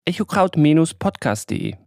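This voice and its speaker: Slightly high-voiced male podcast host. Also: big pitch swings, normal speed, creaky, no echo, studio quality. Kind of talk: casual podcast chat.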